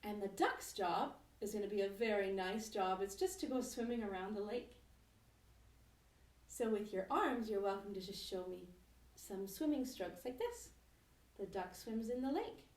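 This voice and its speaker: A woman music teacher leading a children's lesson at home, speaking gently and encouragingly and singing slow, simple verses. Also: medium pitch. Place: home, kitchen nearby. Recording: roomy echo from a distance.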